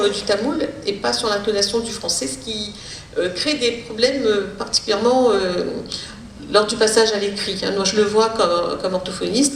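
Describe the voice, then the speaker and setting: Woman, lecturer, hesitant explaining, reverberant room, faint background noise. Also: medium pitch. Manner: explanatory, halting delivery with many hesitations. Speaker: lecturer and speech therapist. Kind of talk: public lecture. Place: lecture hall. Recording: roomy hall, distant mic, faint noise.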